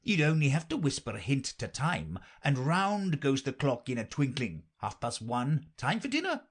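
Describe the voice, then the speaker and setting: A man's voice: medium pitch, wildly swooping pitch, normal speed, slightly rough, pitched above the performer's own voice. A man voicing an odd, mournful hatmaker who rambles theatrically.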